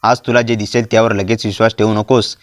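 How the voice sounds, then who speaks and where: Guy voicing a secretive protective aunt, hushed and urgent, dry close sound. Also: on the low side, level tone, fast talker, no room sound, close to an everyday voice. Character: protective aunt, middle-aged woman, secretive.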